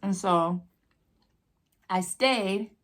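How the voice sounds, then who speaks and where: An American woman telling a casual, rambling personal story with halting pauses, talking between bites with her mouth sometimes full. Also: medium pitch, a bit bright. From New Mexico, United States. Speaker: vlogger telling a personal story while eating.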